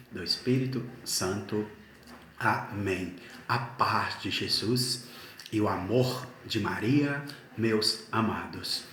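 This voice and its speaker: Male preacher, slow earnest sermon delivery, echoey room, faint background hiss. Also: on the low side, fairly bright tone.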